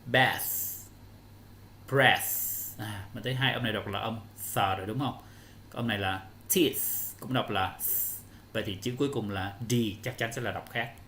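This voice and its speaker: A man's voice: on the low side, steady tone, fast, hardly any pauses, a bit bright, slight background noise. A male English teacher, explaining answers step by step to children in an online lesson.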